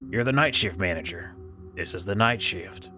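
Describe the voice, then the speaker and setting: A man's voice: low-pitched, moderate pace, lightly acted. Man acting a dry, patient ghostly bus driver. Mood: expectant. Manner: patient, expectant, as if repeating a routine. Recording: background music under the voice.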